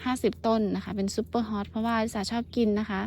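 A woman's voice: a little high, fast, a little hiss or hum. Chatty woman gardening outdoors. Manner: chatty, bursts into excited exclamations. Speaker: vlogger. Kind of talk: casual chat while gardening. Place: outdoor vegetable field in rural Japan. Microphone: handheld phone camera.

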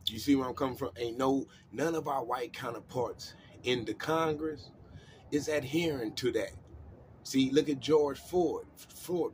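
A man of middling pitch hosts a casual religious discussion, calling listeners in with easy repeated refrains. His talk wanders and repeats itself, then builds to loud, emphatic stretches, with a faint hiss behind him. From United States. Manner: loose and repetitive, urging listeners in with refrains like "come on in, man"; grows loud and emphatic when telling history. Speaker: host of a discussion show.

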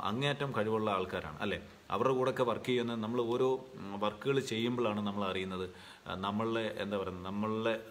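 A young man on a live stream, reading fan comments aloud and answering them in a relaxed, chatty way with many fillers, from his home. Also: on the low side. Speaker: serial actor answering fan questions.

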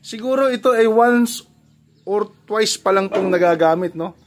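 A man with a high voice gives a chatty, step-by-step walk-through of farm gear outdoors. Faint background noise runs under his talk. He keeps checking in with his viewers as he goes. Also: normal speed. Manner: chatty, explains step by step, often tags "no?". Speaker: farming vlogger and host. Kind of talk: casual walk-through commentary.

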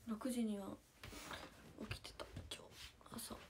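A young woman, chatting softly on a late-night livestream and thanking viewers by name. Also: a little high, steady tone, takes it slowly, background noise. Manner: soft half-whispered, thanking viewers by name. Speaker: idol livestreamer.

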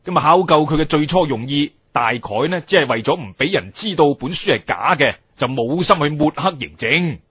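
A man with a Cantonese accent and husky voice tells history as a pingshu storyteller, expressively, drawing out key phrases and adding colloquial asides. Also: fairly high pitch, expressive, normal speed, hardly any pauses, no echo, highs cut off.

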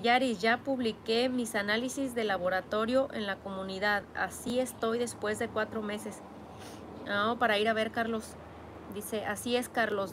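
A woman chats casually through a live stream, reading comments aloud and playfully teasing her viewers. Her voice sits a little high. Faint ambient sound hums behind her. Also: slight background noise. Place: home garden workspace.

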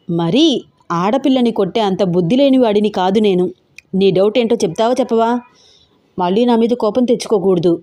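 A woman voicing a teasing, quick-tempered young man in an audio love story, bossy and quick to snap. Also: medium pitch, warm tone, close to an everyday voice. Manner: teasing then snapping, bossy.

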